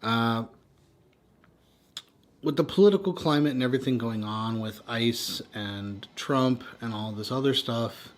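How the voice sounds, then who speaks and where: An American man talks off the cuff in a weary, burnt-out way. His voice sits at an average male pitch and tends to trail away at the ends of thoughts. He is frank and unpolished, venting like a vlogger with no script. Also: a little slow. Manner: exhausted, weary, sighing and trailing off; frank, swearing. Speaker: vlogger venting personal frustrations. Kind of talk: candid unscripted rant.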